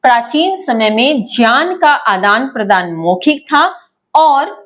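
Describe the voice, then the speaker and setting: A woman's voice: a little high, lively intonation, takes it slowly, a bit bright. A woman teacher giving an online lesson, explaining word by word in a patient, repetitive way and asking her pupils questions.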